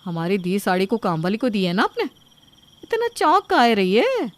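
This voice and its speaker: A woman voicing a sharp-tongued middle-aged mother-in-law who scolds sarcastically. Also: mid-range voice, wildly swooping pitch, moderate pace. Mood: scolding.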